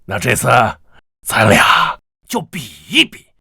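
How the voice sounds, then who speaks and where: An actor playing a gruff, excitable older rich man who talks loud and blunt, with a gravelly, husky voice. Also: mid-range voice, slow, no echo, studio quality, exaggerated voice.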